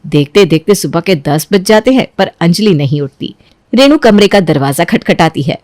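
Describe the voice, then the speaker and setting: Soft-spoken woman narrating a cartoon story. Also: fairly low pitch, lively intonation, normal speed, no echo.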